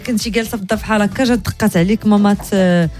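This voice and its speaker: A woman's voice: mid-range voice, steady tone, very fast, darkish tone. A woman with a Moroccan accent hosting a casual radio chat, mixing French into her speech. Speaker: radio host. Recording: music playing behind the voice. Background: music bed.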